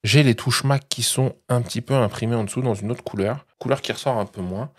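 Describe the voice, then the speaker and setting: A man's voice: medium pitch, brisk, slightly rough. A man hosting a tech channel, chatting casually through a product review and explaining each step, often checking in with his viewers.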